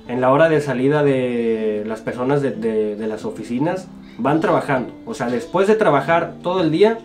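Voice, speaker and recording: A guest YouTuber, a Mexican man in his twenties, reads viewer comments in a small home studio, chatting casually and cracking jokes. His mid-range voice is a little mellow. He speaks with a Mexican Spanish accent and an informal, laugh-filled manner.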